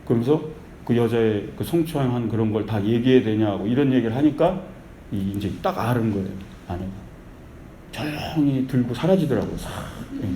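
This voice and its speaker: Korean pastor preaching in an echoey hall. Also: male voice, mid-range voice. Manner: animated storytelling with repeated calls of faith. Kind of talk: sermon. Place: church sanctuary. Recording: echoey church hall with faint noise.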